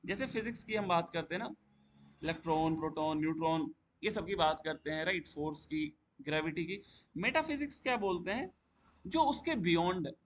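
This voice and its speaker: A man tutoring for a yoga exam, asking questions and answering them himself and reading English lines slowly. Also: sits high, a bit bright. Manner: explains step by step, asking and answering his own questions. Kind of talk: classroom-style lecture.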